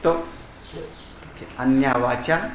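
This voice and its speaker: An older man, a swami, giving a discourse on scripture, chanting Sanskrit verses slowly and then explaining them in conversational speech with rhetorical questions. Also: mid-range voice, dull audio, slight background noise. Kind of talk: Hindi discourse on Vedanta. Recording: echoey hall ambience.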